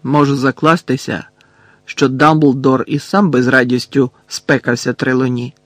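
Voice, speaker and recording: A man's voice: mid-range voice, steady tone, normal speed, a bit bright, dry recording, natural voice. A man reading an audiobook, voicing a blunt, sulky teenage schoolboy who grumbles. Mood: dismissive. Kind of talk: audiobook character voice.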